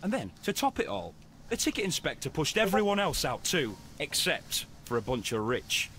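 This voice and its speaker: A man's voice: fairly high pitch, big pitch swings, normal speed, a bit bright, a little hiss or hum. An actor playing an indignant male train passenger who complains in a huffy tone in a video game.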